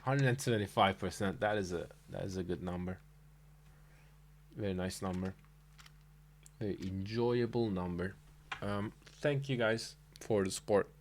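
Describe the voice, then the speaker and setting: A man's voice: deep voice, moderate pace, long pauses, slight background noise. A man hosting a livestream in a laid-back, easygoing way, laughing often. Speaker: stream host. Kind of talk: casual livestream chat.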